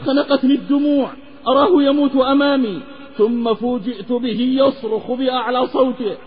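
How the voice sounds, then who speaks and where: A man from the Hijaz in Saudi Arabia preaches an Islamic sermon with a moral tale, his delivery impassioned and half-chanted. His extremely high voice holds a steady tone at a fairly quick pace, in a lecture recording with long reverb that sounds slightly dull.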